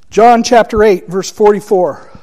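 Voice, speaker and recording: A man teaching a Bible study class, deliberate and asking his listeners questions. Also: high voice, a little mellow.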